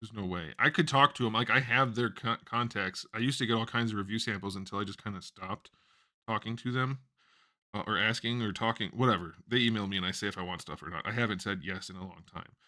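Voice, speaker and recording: A man hosting a casual live-stream chat, blunt and quick to laugh, thinking aloud with plenty of fillers. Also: fairly low pitch, bright, forceful tone. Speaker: host.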